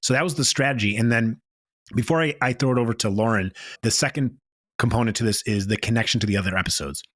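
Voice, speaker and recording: A man's voice: medium pitch, fast talker, fairly bright tone, dry recording, studio quality. Man podcasting through a chest cold. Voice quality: throat lozenge in mouth, mouth noises. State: battling a chest cold with a cough. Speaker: podcast host. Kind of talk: scripted recap podcast narration.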